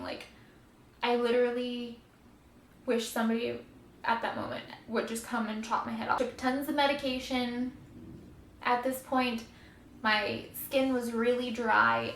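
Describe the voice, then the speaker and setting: A woman telling a personal story casually to the camera, candid and conversational, with emphasis on how uncomfortable things were. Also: fairly high pitch. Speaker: vlogger telling a recovery story. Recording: echoey room with faint background noise.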